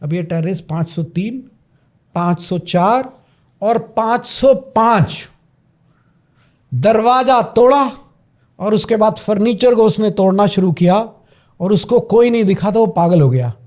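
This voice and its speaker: A man tells a story on a podcast, dramatic and full of emphatic repeats. His voice sits high but sounds mellow and soft at the edges. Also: unhurried, long pauses. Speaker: podcast guest, parenting coach.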